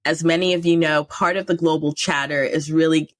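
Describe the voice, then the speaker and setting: A woman's voice: deep voice, fairly even intonation, a little fast. A woman hosting a podcast interview, chatty and laughing often as she talks. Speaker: podcast host.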